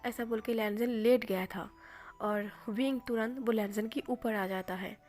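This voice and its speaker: A woman storyteller retelling a fan fiction story in a plain, steady way. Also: a little high, unhurried.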